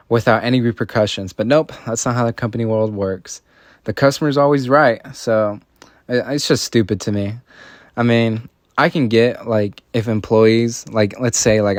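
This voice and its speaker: A man's voice: fairly low pitch, no room sound, studio quality. A young man ranting casually while playing a video game, rambling and frustrated, with lots of filler words. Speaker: vlogger. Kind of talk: casual rant while gaming.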